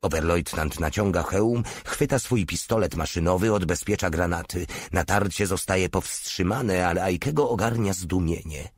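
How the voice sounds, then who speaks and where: Brief: male audiobook narrator, deep and husky, steady measured read, dry close sound. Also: dry recording.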